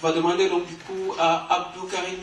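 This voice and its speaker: A man's voice: sits high, level tone, a little fast, far from the mic, heavy background noise. Man announcing prizes in an echoey hall. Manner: many fillers and restarts, explanatory. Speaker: awards presenter at an academic conference. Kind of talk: hesitant spoken announcement. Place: conference hall.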